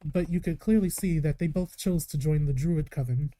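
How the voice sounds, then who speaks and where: Mellow-voiced male game master narrating. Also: a little high, normal speed. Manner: calm storytelling with in-character asides. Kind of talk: narrating a live tabletop game.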